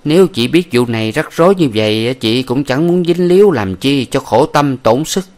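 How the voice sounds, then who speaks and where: A man voicing a shrewd, smooth-talking brothel madam in an audiobook, coaxing and sweet. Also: mid-range voice, animated, normal speed, a little mellow, voice pushed up, close to an everyday voice. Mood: sly. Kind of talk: audiobook character voice.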